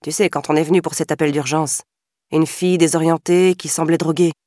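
A woman voicing a tired, irritable male police officer with a sarcastic edge, close to her own low reading voice. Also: steady tone, fairly quick, warm tone, no room sound, natural voice. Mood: gruff. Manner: gruff, sarcastic.

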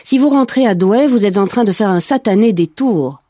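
A woman's voice: mid-range voice, animated, moderate pace, mellow, dry recording, clean studio sound, lightly acted. A woman reading the lines of a stern young male border officer in a storybook, with curt, clipped questions.

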